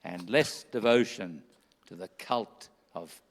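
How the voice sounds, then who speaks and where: A man acting an unflappable, courteous old Santa Claus in a rhyming radio play, with a measured theatrical delivery. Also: on the low side. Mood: calm reproach. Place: stage in a hall. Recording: hall with long reverb.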